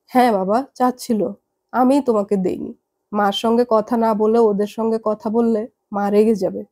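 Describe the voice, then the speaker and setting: A woman voicing a calm young adult daughter who reasons patiently with her parents. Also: on the high side, moderate pace, close to an everyday voice. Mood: patient, reasoning.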